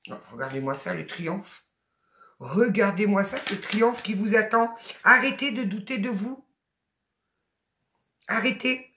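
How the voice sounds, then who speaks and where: In an echoey room, a tarot card reader with a Southern French accent offers a spoken guidance reading that is emphatic, chatty, and encouraging, with blunt asides. The middle-pitched voice is bright and forceful, a little slow, with frequent pauses.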